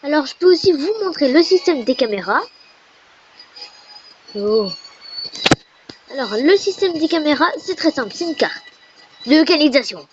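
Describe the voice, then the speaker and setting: A woman giving casual, chatty and playful commentary while playing a game, with sudden excited squeals. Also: high-pitched, moderate pace, pauses often. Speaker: gamer. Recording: dull lo-fi recording with faint noise.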